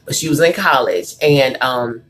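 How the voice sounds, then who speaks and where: Low-voiced lady hosting a live chat show, chatty storyteller, gets preachy about her point. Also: animated, normal speed, a bit bright. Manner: conversational storytelling, reads out viewer comments; emphatic, preachy. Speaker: talk show host and counselor.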